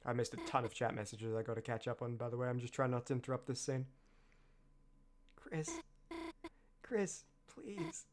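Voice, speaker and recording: A young man streaming a game, chatting casually with lively tangents and frequent laughter. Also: medium pitch, racing, few pauses. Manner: animated, laughs often, chatty asides. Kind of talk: casual let's-play commentary.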